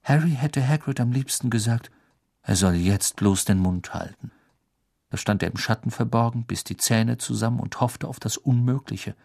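A man reading a fantasy novel aloud as narrator, with expressive storytelling. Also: medium pitch, moderate pace, creaky, no room sound, clean studio sound. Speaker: audiobook narrator. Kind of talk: scripted narration.

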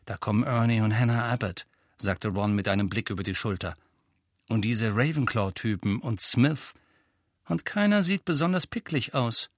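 A man doing Ron, an excitable, hot-tempered teenage boy. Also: fairly low pitch, dry recording, studio quality. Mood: wry. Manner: indignant, quick to blame.

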